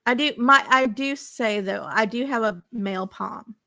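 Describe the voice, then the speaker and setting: A woman's voice: a little high, unhurried, gravelly, pushed and bright, no room sound. A woman calling into a live stream as a guest, chatting casually in a frank, reassuring way. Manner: reassuring, frank, gives opinions. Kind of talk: casual conversation.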